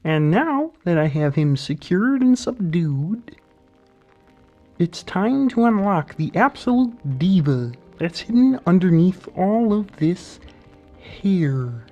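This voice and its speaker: A man voicing an earnest, eccentric frog puppet in soft-spoken ASMR storytelling, with theatrical, halting pauses. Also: sits high, sing-song, dull audio, soft background music, exaggerated voice. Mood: solemn, scheming. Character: Kermit-like male frog puppet, eccentric, earnest Bigfoot believer. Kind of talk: whispery ASMR storytelling and roleplay.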